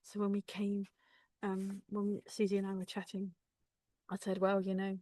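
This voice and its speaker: A woman reading her own poems at an online book launch, with a measured rhythmic delivery and chatty introductions between poems. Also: mid-range voice, completely flat delivery, warm tone, no room sound. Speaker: poet. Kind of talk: poetry reading with spoken introductions. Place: home, online video call. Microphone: video call.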